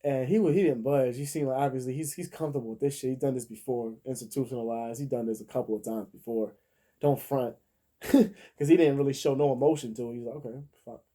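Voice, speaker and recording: A man's voice: mid-range voice, fast, dark tone. A man in his thirties telling a story in a casual, profane way, laughing often and acting out the people he quotes. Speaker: vlogger.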